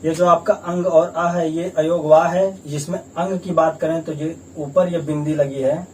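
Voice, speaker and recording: A man teaching a grammar lesson with patient, repetitive explanations, slowly sounding out each letter. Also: a little high, steady tone. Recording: distant mic with faint room noise.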